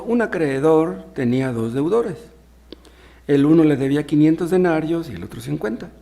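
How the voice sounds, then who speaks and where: A man's voice: on the high side, creaky, darkish tone. A man preaching a sermon, reading Bible passages aloud and explaining them in plain words with rhetorical questions. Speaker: pastor.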